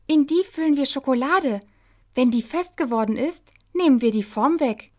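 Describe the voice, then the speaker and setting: A woman voicing an excitable young female hare in a children's radio story. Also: sits high, moderate pace, voice pushed up. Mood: eager.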